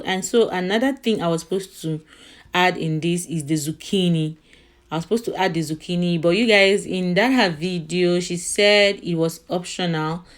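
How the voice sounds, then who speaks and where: Casting: woman, slightly low voice, chatty cooking vlogger talking viewers through steps. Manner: chatty, addresses viewers as "you guys" often. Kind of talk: casual recipe narration.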